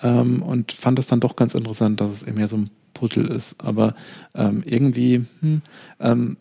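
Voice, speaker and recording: A man chats casually on a podcast, pausing often and restarting his sentences as he works out what to say. His voice has a gravelly edge and a dark, mellow tone. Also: mid-range voice, fairly even intonation. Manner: hesitant, many fillers and restarts, thinking aloud. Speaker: podcast co-host. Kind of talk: casual chat.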